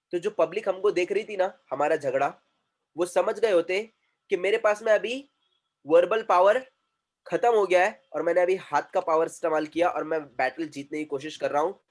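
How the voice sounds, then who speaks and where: A man's voice: sits high, moderate pace. A male communication trainer, lecturing a class and often repeating himself and quizzing students.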